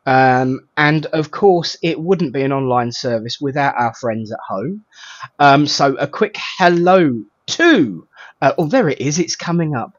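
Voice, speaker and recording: A man with a southern English Estuary accent hosts an online spiritual service, welcoming guests and viewers in a jokey, colloquial, informal way. His voice is medium-pitched, and the audio is dull with no room sound.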